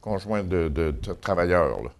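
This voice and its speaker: Man, Quebec French accent, fairly low pitch, folksy, colloquial, informal local chronicle. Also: animated, moderate pace. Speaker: local news and gossip columnist.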